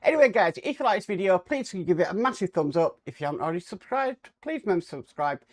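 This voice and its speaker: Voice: mid-range voice, big pitch swings, quick pace. A person hosting a casual hands-on model-building video, talking with a cold sore on the lip. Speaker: host of a model-building channel.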